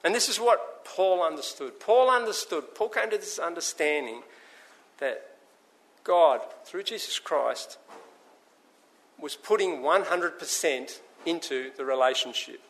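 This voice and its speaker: A man's voice: on the high side, lively intonation, measured pace, a bit bright. A man preaching a sermon, earnest, acting out the voices of the people in his Bible stories.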